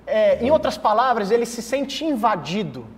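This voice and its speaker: A man's voice: high voice, sing-song, normal speed. A young man, a psychologist, explaining ideas on a TV interview and acting out thoughts in quotes. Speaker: psychologist guest. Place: TV studio. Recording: reverberant studio with faint noise.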